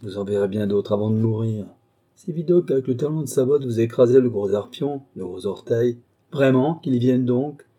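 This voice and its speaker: A man's voice: medium pitch, normal speed, mellow, lightly acted. A man voicing a coarse, boastful male carter gossiping in a crowd, in an audiobook reading.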